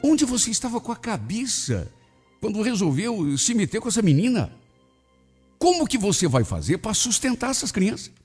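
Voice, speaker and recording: A man voicing a worried, scolding middle-aged mother in a radio story, with a shrill, exasperated manner. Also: sing-song, moderate pace, breathy edge, exaggerated voice. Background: soft music.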